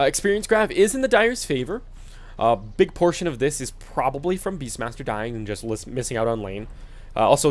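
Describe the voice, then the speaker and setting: A man commentating a video game match alone, laid-back and explanatory with many fillers, sleepy and yawning. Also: a little high. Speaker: esports commentator. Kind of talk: solo play-by-play game commentary.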